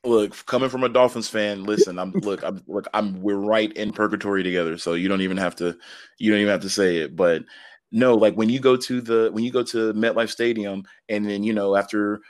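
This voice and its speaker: Brief: thirties male guest, deep voice, chatty and quick, dry close recording. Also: steady tone, no echo. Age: 30s. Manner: quick, laughing, heavy on filler words. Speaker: podcast guest. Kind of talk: casual interview storytelling.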